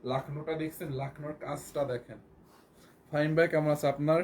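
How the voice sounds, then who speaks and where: Hoarse man, Bangladeshi Bengali accent, live shopping pitch, pitched a bit high, repeats prices over and over. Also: little pitch movement, fairly quick, a little mellow, a little hiss or hum. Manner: repetitive, keeps repeating prices and urging viewers to buy. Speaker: live-stream clothing seller.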